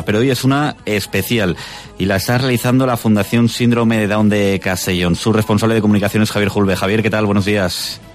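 A man hosting a radio news programme, presenting and interviewing. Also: on the low side.

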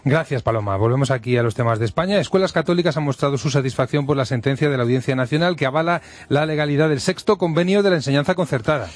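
A man anchoring a radio news program, with a formal, brisk delivery. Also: medium pitch, no echo.

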